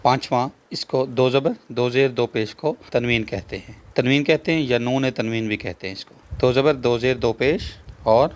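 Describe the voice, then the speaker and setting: A man with a Pakistani Urdu accent teaching a Quran reading lesson step by step. He spells out letters and vowel marks, drawls the joined words slowly, repeats each rule and puts questions to the viewer. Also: mid-range voice.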